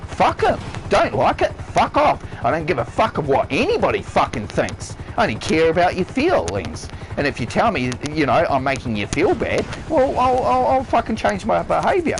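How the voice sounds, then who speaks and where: A man's voice: on the high side, wildly swooping pitch, a little fast, creaky, few pauses, background noise. A man who works as a chef, ranting on a live stream in a blunt, heavily profane, emphatic way. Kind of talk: ranting livestream monologue. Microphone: console headset or stream mic.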